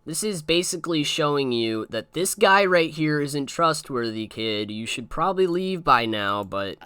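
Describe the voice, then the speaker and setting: A man's voice: on the high side, animated, moderate pace, sharp tone, clear, resonant tone, dry recording. A young man hosting a casual re-watch commentary, rambling through asides and fillers into a close mic. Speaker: host.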